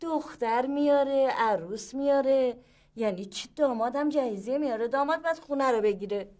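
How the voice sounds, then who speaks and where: An actress playing a tired, sharp-tongued middle-aged mother who scolds and teases her son. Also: high-pitched, close to an everyday voice. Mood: scolding. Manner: scolding and teasing. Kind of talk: sitcom acting.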